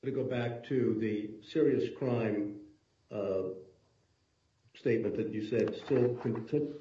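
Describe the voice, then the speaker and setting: A deep-voiced man questions counsel as a judge over a remote feed, and his audio keeps cutting out in choppy bursts that clip off his words. He sounds far from the mic in an echoey room, and the line is dull and lo-fi. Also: mellow. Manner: halting, repeats words as the sound drops. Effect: choppy audio cutting out mid-word on a remote connection.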